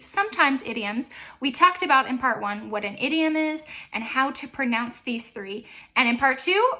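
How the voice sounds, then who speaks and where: A woman's voice: high voice, pushed and bright. A young woman, teaching idioms as a coach in an upbeat, playful way. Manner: upbeat, playful, with light laughs. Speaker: American accent coach.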